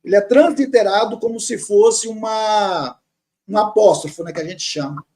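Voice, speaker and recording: A man's voice: sits high, moderate pace, a little mellow. Man, teacher, patient, repeats words, reads from a text. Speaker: teacher of Syriac Aramaic. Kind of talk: explaining grammar while reading from a text.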